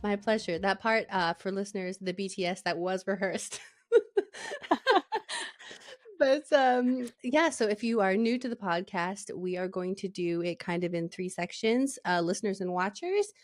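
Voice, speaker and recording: A young woman from Alberta hosts a relaxed book podcast, bubbly and talkative with plenty of ums and laughs. Her voice sits at a middling pitch. The recording is close and dry, with no room sound. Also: unhurried, no echo. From Canada, Alberta. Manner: bubbly, laughs often, chatty with filler words. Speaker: podcast host. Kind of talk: casual book-podcast interview.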